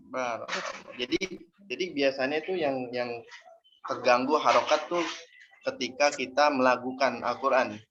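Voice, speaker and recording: A man's voice: medium pitch, fairly bright tone. Guy teaching quran reading over a video call, patient, explains step by step, kinda dull audio w faint hiss. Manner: patient, explanatory, drills syllables aloud. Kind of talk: online class teaching.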